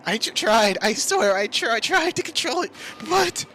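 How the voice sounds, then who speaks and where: A man's voice: very high-pitched, big pitch swings, normal speed, sharp tone, voice pushed up, heavily acted. A man voicing a timid young woman who stutters and hesitates nervously. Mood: pleading. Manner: stammering, hesitant. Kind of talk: amateur fan dub of a game.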